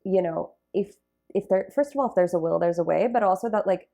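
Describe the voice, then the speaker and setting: Through a muffled recording, a young woman with a medium-pitched, mellow voice and some vocal fry talks fairly quickly. As an interview guest and Bharatanatyam dancer, she looks back on her dance journey in a reflective, casual way full of fillers.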